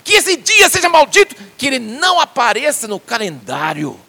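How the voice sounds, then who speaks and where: A man's voice: huge pitch swings, moderate pace, vocal fry, pushed and bright, big-room sound, heavily acted. Job, a preacher acting out an anguished man crying to God. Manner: crying out, high strained voice. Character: anguished suffering man Job, bitter and pleading.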